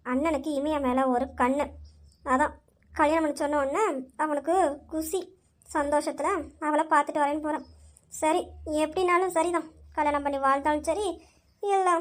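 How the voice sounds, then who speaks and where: A woman's voice: high-pitched, lightly acted. A woman voicing a scheming, spoiled young granddaughter who plots a forced marriage. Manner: sly, plotting.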